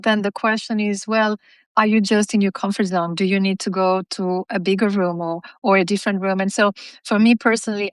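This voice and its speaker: A Spanish-speaking woman, a business writer guesting on a podcast, answers interview questions earnestly and reflectively, with some fillers. Her voice sits at a medium pitch, and the recording is dry.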